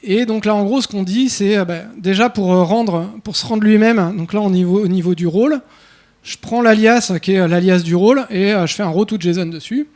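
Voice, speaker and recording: Man, higher voice, presenting at a tech conference, loose and chatty with lots of hesitations and self-corrections. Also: a little fast, darkish tone. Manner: casual, full of fillers and restarts. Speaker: conference speaker. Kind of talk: live coding talk. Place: conference room.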